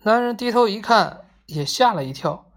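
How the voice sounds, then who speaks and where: A woman reading a children's story aloud in a gentle, expressive storytelling manner. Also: medium pitch, moderate pace.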